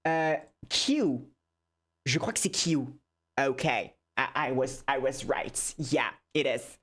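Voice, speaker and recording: Low, slow woman muttering through a quiz. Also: fairly bright tone, breathy edge. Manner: mutters to herself, swears, switches between French and English. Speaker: content creator. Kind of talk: casual quiz play, thinking aloud.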